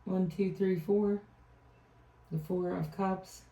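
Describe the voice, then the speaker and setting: A woman's voice: medium pitch, steady tone, takes it slowly, warm tone. A woman giving a casual tarot reading, rambling and often trailing off to restart her thought. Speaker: tarot reader. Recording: echoey room, distant mic.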